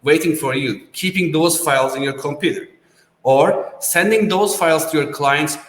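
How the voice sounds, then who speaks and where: A man, a startup co-founder, giving a business pitch with non-native phrasing and frequent restarts. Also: moderate pace, fairly bright tone. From Turkey. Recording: roomy with long reverb.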